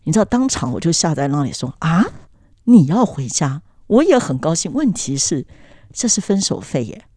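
A grown woman shares a personal story on a podcast in an earnest, reflective way. Her pitch rises and falls a great deal as she talks, with a lively, animated melody. The sound is dry and close, with no room echo. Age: adult. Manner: earnest, recounting memories with pauses and restarts.

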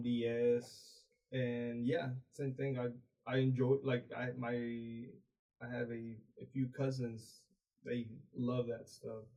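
A young man raised in Mexico chats casually as a podcast guest in an interview, rambling with lots of fillers and restarts. His voice is medium-pitched and mellow, and the recording quality is low.

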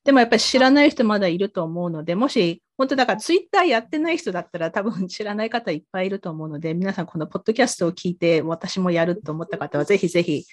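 Chatty woman podcast host. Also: fairly low pitch. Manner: chatty, frequent back-channel nods, rambling asides. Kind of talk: casual podcast chat.

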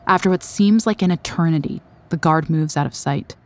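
Low-voiced woman narrating a documentary. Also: darkish tone, no echo. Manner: measured, dramatic storytelling. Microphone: studio voice-over.

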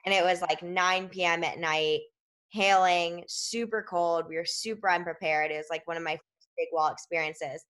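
A woman's voice: lowish voice, fairly even intonation, normal speed, fairly bright tone. A woman climber telling stories in casual conversation, chatty and filling her speech with "like".

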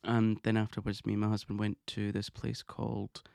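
A man hosting his own podcast, talking in a chatty, excitable way and laughing often. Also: fairly low pitch, brisk, vocal fry, no room sound, studio quality. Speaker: podcast host. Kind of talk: casual monologue podcast.

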